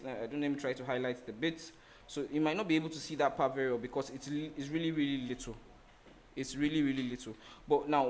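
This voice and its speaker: A man teaching graphic design in a screen-share tutorial, explaining slowly with many restarts and "like" fillers. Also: medium pitch, slight background noise. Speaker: design instructor.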